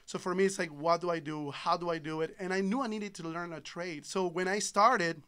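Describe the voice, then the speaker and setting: An Ecuadorian man in his thirties, a native Spanish speaker who owns a solar business, chats agreeably as a guest in a casual podcast interview. His voice is high-pitched, brisk, sharp, clear and resonant, captured on a boom-arm studio mic in a small padded studio.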